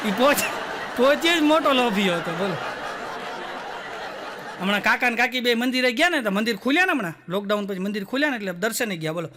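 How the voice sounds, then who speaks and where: Bright high-voiced Gujarati comedian. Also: male voice, expressive, quick pace, pauses often, slight background noise. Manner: storytelling, acting out characters with raised pitch and laughing through punchlines. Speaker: stand-up comedian. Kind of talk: stand-up joke telling.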